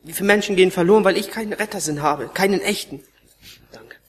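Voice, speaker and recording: A man preaching with strong feeling, his voice sitting a little high for a man. He climbs into loud, urgent pleading, then sinks to soft, breathy near-whispers as he tells his own story to the congregation. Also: fast talker, a little hiss or hum. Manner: emotional, swinging between raised pleading and hushed near-whispers. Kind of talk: sermon testimony.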